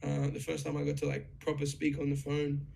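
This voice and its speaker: Excitable young man with a gravelly voice. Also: fairly high pitch, fairly quick, slight background noise. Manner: excited, swears freely, lots of fillers. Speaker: guest musician. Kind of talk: casual storytelling chat.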